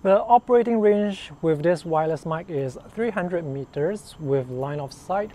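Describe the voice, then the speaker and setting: A man's voice: on the high side, unhurried, warm tone. A middle-aged man giving an explanatory product review to camera outdoors on a clip-on mic. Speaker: gear reviewer. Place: outdoors in a park and garden. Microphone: wireless clip-on mic on chest. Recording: outdoor recording, faint ambient noise.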